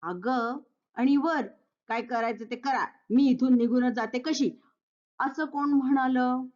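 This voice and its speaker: A woman's voice: high-pitched, expressive, a little slow, highs cut off, pitched above the performer's own voice. A woman voicing a hurt, defiant young daughter-in-law who answers back sharply, in a Marathi play reading. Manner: sharp retorts.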